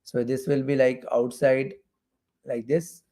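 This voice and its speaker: A man from India with a medium-pitched, warm voice teaches physics for exam preparation, speaking flatly and taking his time. He gives an explanatory lecture while drawing diagrams, repeating phrases for emphasis as he goes.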